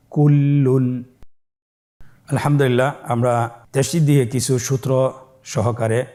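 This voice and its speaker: A man teaching Quran reading, spelling out letters and vowel marks slowly and asking listeners to repeat after him. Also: medium pitch, mellow. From Bangladesh.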